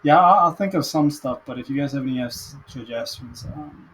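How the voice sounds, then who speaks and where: A man's voice: medium pitch, brisk, a bit bright, a little hiss or hum, rough recording. Hesitant, tired young man vlogging. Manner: hesitant, many fillers and restarts. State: mentally tired. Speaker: aspiring day trader vlogger. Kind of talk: casual screen-share commentary. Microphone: webcam.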